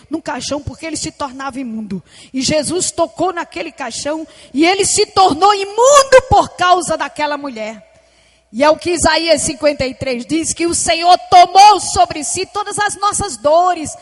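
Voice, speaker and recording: Fiery woman pastor preaching. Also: high-pitched. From Northeast Brazil. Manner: impassioned preaching, often shouting, with call-and-response prompts to the congregation. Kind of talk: sermon. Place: church service. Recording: long church hall reverb.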